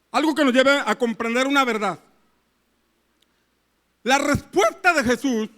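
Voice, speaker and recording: A man's voice: very high-pitched, bright, forceful tone. A man preaching a sermon as pastor, repeating rhetorical questions and acting out the voices in the story.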